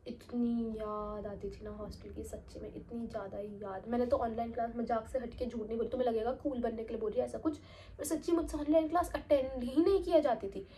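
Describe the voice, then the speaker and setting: A young woman chatting casually as a vlogger, telling an animated storytime tale. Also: fairly high pitch, a little fast, slight background noise. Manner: animated, slips into quoted voices.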